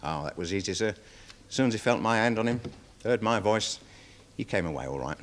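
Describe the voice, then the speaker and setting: An actor playing a nervous, deferential security guard testifying in a 1970s television courtroom drama, rambling with many fillers. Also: male voice, on the low side, animated, a little fast, a little hiss or hum, lightly acted. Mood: worried, defensive. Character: nervous security guard witness, dog handler. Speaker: witness in court.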